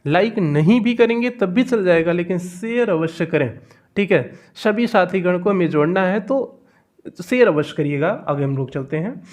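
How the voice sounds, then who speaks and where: A man's voice: sits high, lively intonation, normal speed, a little mellow. A man teaching an online grammar lesson, asking the class questions, answering them himself and repeating the key words.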